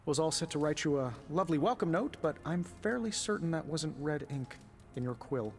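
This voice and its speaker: An actor playing a wisecracking, nervously friendly superhero inventor in a game, with a glib, rambling, self-deprecating manner. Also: male voice, on the high side, expressive, a little fast, faint music behind. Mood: wry, friendly. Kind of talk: casual game dialogue.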